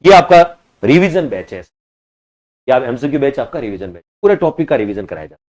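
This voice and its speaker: Animated man teaching an exam class. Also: mid-range voice, a little fast. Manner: quizzing students, repeating answers; scolding and urging the class. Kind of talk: online class lecture.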